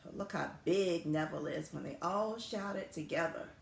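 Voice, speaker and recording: A woman principal reading a picture book aloud to children, with expressive storytelling. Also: low-pitched, normal speed, creaky, slight background noise. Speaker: school principal. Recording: echoey room.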